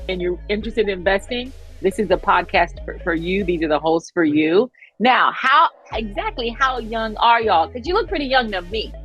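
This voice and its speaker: A woman's voice: medium pitch, fairly bright tone, husky, dull audio. A woman leading a casual interview, upbeat and affirming as she asks questions. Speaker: podcast guest host.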